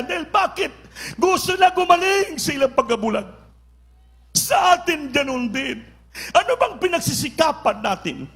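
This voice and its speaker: A man from the Philippines, preaching a sermon with passion and calling on the congregation to answer him. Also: very high-pitched. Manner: impassioned, repeating calls for the congregation to answer, rising to shouts.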